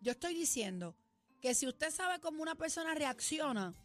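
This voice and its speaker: A woman with a Puerto Rican accent and a high, bright voice co-hosts a radio gossip show. She gives her opinions in an expressive, chatty way. Faint music runs behind her. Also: moderate pace. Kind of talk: casual gossip chat. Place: radio studio.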